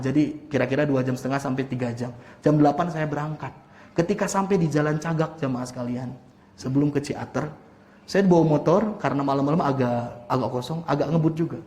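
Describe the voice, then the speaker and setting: A man, an Islamic preacher telling personal stories during a mosque study talk, animated and acting out voices as he goes. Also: medium pitch, slight background noise. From West Java, Indonesia. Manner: animated storyteller who acts out voices and laughs often. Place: mosque hall. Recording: roomy mosque echo.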